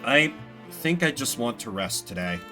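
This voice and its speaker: A man voicing a weary, dejected young male attorney in a video game, with a flat, reluctant delivery. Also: mid-range voice, moderate pace, over music, lightly acted. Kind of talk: amateur voicing of a visual novel game.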